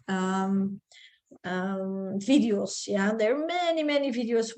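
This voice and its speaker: A woman's voice: medium pitch, a little mellow. A woman from Belgium, giving an upbeat, persuasive presentation over a video call. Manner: upbeat and persuasive, urging listeners on. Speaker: presenter of an info session.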